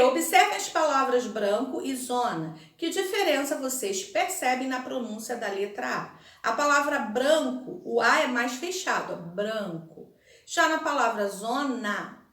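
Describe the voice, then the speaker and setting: A teacher with a Brazilian Portuguese accent and a high voice, stretching words out slowly so every syllable comes through. She is recorded indoors, with a noticeably echoey room around her. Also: animated, fairly bright tone. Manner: slow, careful word-by-word pronunciation. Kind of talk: recorded remote Portuguese lesson.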